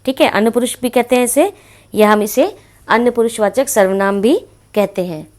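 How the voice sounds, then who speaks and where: A woman's voice: on the high side, darkish tone. Woman teaching a grammar lesson. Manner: patient, explaining slowly with repeated examples. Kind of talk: classroom-style grammar lesson.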